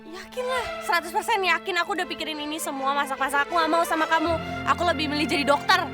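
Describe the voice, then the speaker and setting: A young actress playing a headstrong daughter who wants to become a doctor, in a comic TV serial. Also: female voice, very high voice. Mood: firm. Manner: firm, quick. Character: headstrong young woman, sure of herself. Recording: music behind.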